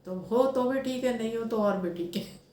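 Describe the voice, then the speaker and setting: A woman's voice: a little high, normal speed, dark tone. Reflective woman in an echoey room. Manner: earnest, mixes English phrases into speech. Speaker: spiritual speaker. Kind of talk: reflective personal talk.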